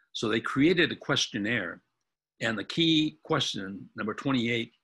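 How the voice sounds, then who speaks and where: An American man in his eighties giving a history talk, walking through photographs in an earnest, halting way with frequent restarts. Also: mid-range voice, bright, forceful tone, slightly rough. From United States. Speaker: guest speaker.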